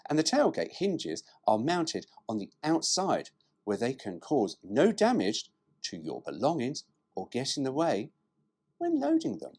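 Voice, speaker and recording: Reading a car brochure aloud, a man cuts in with joking, irreverent asides, cheeky and informal with some swearing. His medium-pitched, husky voice has a darkish tone and swoops wildly as it leaps about, and his pace is a little slow.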